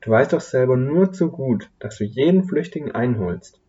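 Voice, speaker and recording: A man voicing a gentle, cheerful little old woman who personifies Hope, speaking softly and kindly in a slightly muffled recording. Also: medium pitch, lively intonation, normal speed, voice pushed up, lightly acted.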